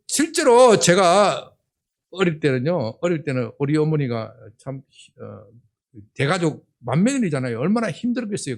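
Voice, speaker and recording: An older man, a senior pastor with a Gyeongsang accent, preaching a sermon in a church in a humorous, animated way and often checking in with the congregation. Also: sits high. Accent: Gyeongsang Korean. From Gyeongsang region of Korea. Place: church sanctuary.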